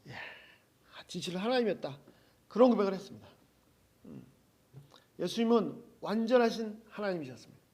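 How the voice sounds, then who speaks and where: A man preaching a sermon as pastor, lively, with laughing asides and acted quotes. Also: sits high, a little fast, pauses often, breathy edge.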